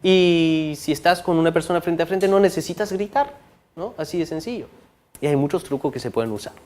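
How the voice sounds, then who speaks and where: A man leads a training session on body language, his voice sitting a little on the higher side. He talks to the room in a lively way, checking in with listeners often, and he slows down, drops his volume, then hits a word hard to make a point. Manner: lively, frequent rhetorical checks with the audience; varies volume and speed for emphasis. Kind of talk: training talk to an audience.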